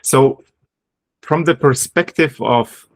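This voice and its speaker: A man's voice: medium pitch, takes it slowly. A man, a sports medicine doctor giving a webinar talk over a video call, hesitant with many fillers and restarts. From Lithuania. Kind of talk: webinar presentation.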